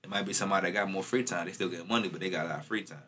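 A man talks quickly in casual, slangy frat-bro banter. He swears freely and repeats phrases to drive a point home, with noticeable background noise and clicks. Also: deep voice, pushed and bright. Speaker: podcast co-host.

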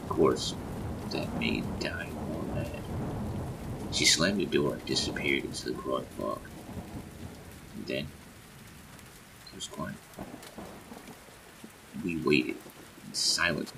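A man narrating a horror story in a measured storytelling manner. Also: very deep voice, creaky, very noisy.

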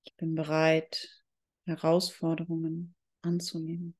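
A yoga instructor guiding a meditation in calm, measured, drawn-out phrases. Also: medium pitch. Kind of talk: slow guided yoga meditation.

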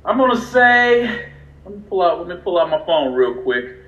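A man from California co-hosting a racing livestream, excitable and chatty, laughing often as he talks. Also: high-pitched, normal speed. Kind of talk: casual livestream chat. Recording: roomy, dull lo-fi sound.

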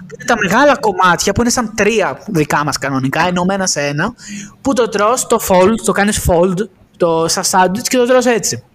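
A man's voice: sits high, expressive, a bit bright. A man co-hosting a podcast, chatting casually and eagerly, mixing in English phrases. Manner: enthusiastic, tosses in English phrases. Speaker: podcast co-host. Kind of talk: casual chat.

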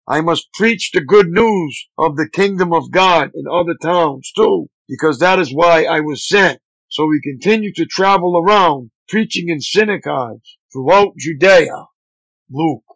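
A male pastor reading scripture aloud at a steady, measured pace. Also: a little high, creaky, no echo, rough recording.

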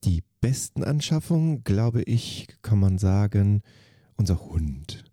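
A man's voice: lowish voice, very animated, takes it slowly, warm tone, no echo, studio quality. A man, a dance teacher from Germany, giving short, matter-of-fact answers in an interview. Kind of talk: quick-fire interview answers.

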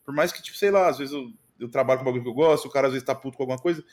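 A Brazilian streamer appears as a podcast guest, rattling off casual, slang-heavy talk about his streams at a medium pitch and a very fast clip. "Mano" and "velho" keep popping up in his animated speech.

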